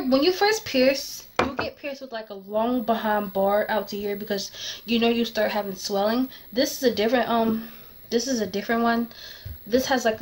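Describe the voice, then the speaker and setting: A woman's voice: mid-range voice, a little hiss or hum. A young woman chatting casually to camera in a rambling, distracted way, correcting herself, with slightly slurred, lisping speech from a tongue piercing. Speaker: vlogger. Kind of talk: casual advice chat to camera.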